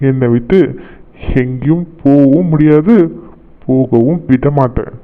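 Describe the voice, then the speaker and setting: A man's voice: medium pitch, unhurried, natural voice. A young man voicing a cartoon fiancé who teases and pleads playfully with his bride-to-be. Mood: coaxing. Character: teasing, doting young male fiancé. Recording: thin phone-like band.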